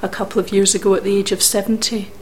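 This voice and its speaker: A middle-aged Scottish woman from Scotland, recalling her life story in an interview with measured, thoughtful pauses. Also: mid-range voice, little pitch movement, darkish tone, slight background noise. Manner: measured, thoughtful recollection with occasional hesitations.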